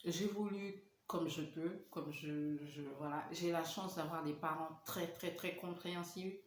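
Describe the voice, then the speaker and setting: A woman's voice: on the low side, steady tone, measured pace. A woman in her thirties from Senegal, chatting casually in a mukbang vlog and talking between bites. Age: 30s. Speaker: vlogger. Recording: echoey room with faint hiss.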